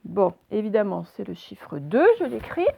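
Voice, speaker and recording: A woman teacher giving a recorded reading lesson, speaking slowly and clearly, asking questions and then answering them herself. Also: medium pitch, very animated, warm tone. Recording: dry, dull lo-fi recording.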